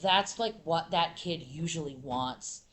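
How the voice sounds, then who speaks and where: Woman, conference panel talk, low-pitched, lively, restarts a lot. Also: unhurried, a little hiss or hum. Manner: animated, many fillers and restarts. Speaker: middle school teacher and panelist.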